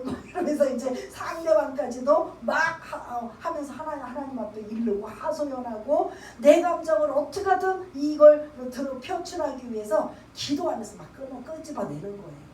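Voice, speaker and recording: A woman's voice: high-pitched, normal speed, few pauses, warm tone, a little hiss or hum. A woman pastor gives a conversational sermon. She asks the congregation questions and acts out her own tearful prayers. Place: church sanctuary. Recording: echoey church, from far off.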